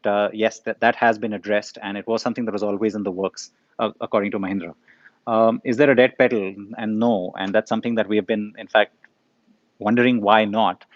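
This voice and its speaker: Man with a low voice. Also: dry recording, muffled recording. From India. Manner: conversational, frequent ums and uhs, addresses viewers by name. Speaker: editor answering viewer questions. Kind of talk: live Q&A, casual explanation.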